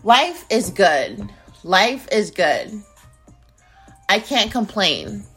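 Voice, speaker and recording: A woman in her twenties hosting her own podcast in casual, playful chat that swings between loud bursts and low mumbles. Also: big pitch swings, drawn-out words, slightly rough. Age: 20s. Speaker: podcast host. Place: home in Arizona. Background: music beat playing.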